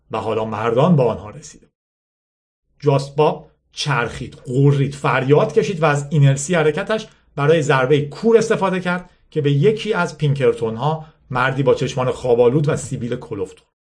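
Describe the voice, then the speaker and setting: A man reading a novel aloud as an audiobook narrator, with a steady, measured storytelling delivery. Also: medium pitch.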